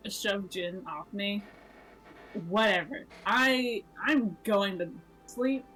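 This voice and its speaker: A woman's voice: medium pitch, slow pace, fairly bright tone. Brief: female player, fed-up and dry, faint music behind. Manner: exasperated, swearing, dry. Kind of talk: casual tabletop play.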